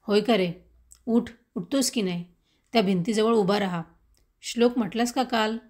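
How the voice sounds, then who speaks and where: A woman's voice: fairly high pitch, steady tone, moderate pace, darkish tone, voice pushed up, natural voice. A woman reading as a strict angry father. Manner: raised, demanding voice.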